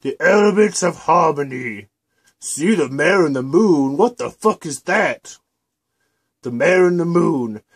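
A man voicing a furious, foul-mouthed young mare unicorn scholar in a parody cartoon dub, yelling and bossy. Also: on the high side, animated, measured pace, breathy edge, exaggerated voice. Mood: alarmed.

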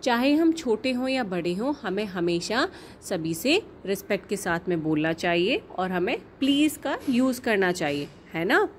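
A young woman teaching a kindergarten class, asking simple questions in a slow, sing-song teacherly way and mixing in English words. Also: mid-range voice, sing-song, a little hiss or hum. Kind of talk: online class lesson for young children.

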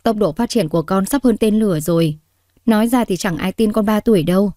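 A woman's voice: medium pitch, a little fast, warm tone, no echo, clean studio sound, natural voice. A woman doing an earnest, coaxing mother.

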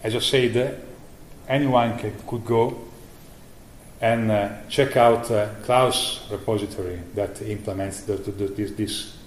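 A middle-aged man giving a conference keynote about software he maintains, speaking haltingly with many fillers and restarts. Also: fairly low pitch, fairly even intonation. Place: conference hall. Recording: echoey room with faint noise.

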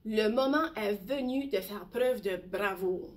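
A woman teacher reading a bedtime story aloud slowly and expressively. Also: medium pitch, slight background noise. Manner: slow, gentle, expressive.

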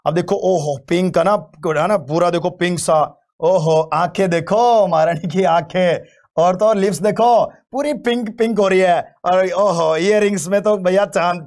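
A man teaching English vocabulary in an online exam-prep lesson, playful and teasing, repeating words again and again and chatting to his students. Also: sits high. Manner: addresses students as "bachche", chatty.

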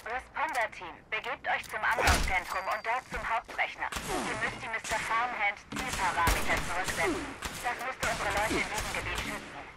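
An actor playing a brisk, official militia announcer giving clipped orders in a scripted game radio message. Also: male voice, sits high. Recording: loud gunfire noise behind.

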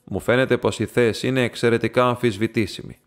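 A man's voice: mid-range voice, fairly even intonation, lightly acted. Male reader doing a cranky old academic, curt and hostile, audiobook. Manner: harsh, hostile. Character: irascible old male professor.

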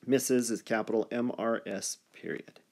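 A man teaching a grammar lesson like a schoolteacher, deliberately dictating letters and punctuation. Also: lowish voice, steady tone, vocal fry, a little mellow. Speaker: third-grade teacher.

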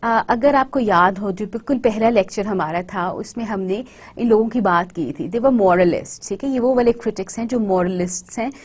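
Woman, university lecture, husky, slow and deliberate, mixes English and Hindi-Urdu, often checks that the class follows. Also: mid-range voice, darkish tone. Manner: code-switches between English and Hindi-Urdu, frequent "theek hai?" checks.

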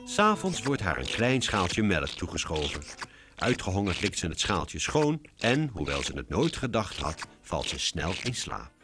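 Low-voiced man narrating a cartoon. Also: moderate pace. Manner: expressive storyteller. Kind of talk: scripted storybook narration. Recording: music bed behind.

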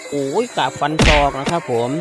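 A man giving excited, exclamatory boxing commentary as a Muay Thai fight commentator. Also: fairly high pitch, normal speed. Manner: exclamatory, reacts to each strike with repeated interjections. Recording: loud music and crowd noise behind. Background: loud music and crowd.

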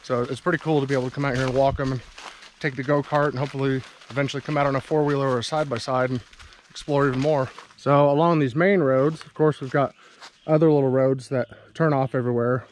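A man's voice: medium pitch, fast, a little hiss or hum. A man vlogging outdoors, casually explaining his farm to the camera as he walks through the woods. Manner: relaxed, explanatory, walking and talking.

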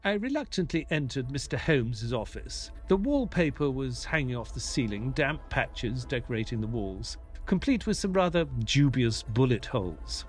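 A man playing a mild, earnest doctor who narrates his detective tale in a measured, polite audio play style. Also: medium pitch, sing-song, faint music behind, lightly acted. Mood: reflective. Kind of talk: dramatic first-person audio play narration.

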